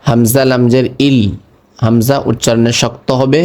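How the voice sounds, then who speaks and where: Guy spelling out quran words slow n patient for a lesson, mellow and super clear. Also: mid-range voice, level tone. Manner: spells each word slowly and patiently, then says it whole; chants the verse words in a drawn-out melodic recitation. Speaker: Quran reading teacher. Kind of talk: slow letter-by-letter recitation lesson.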